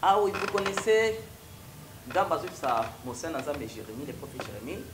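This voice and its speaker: A man's voice: a little high, sing-song, fairly quick, roomy sound, background noise. A young man with a Congolese accent, a prophet telling his testimony in a TV studio interview, switching between French and Lingala. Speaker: prophet guest. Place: TV studio with stone wall backdrop.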